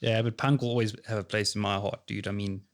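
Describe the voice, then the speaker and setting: A man's voice: fairly low pitch, little pitch movement, fast talker. A man hosting a casual chat, easygoing and friendly, calling his guest dude. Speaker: podcast host.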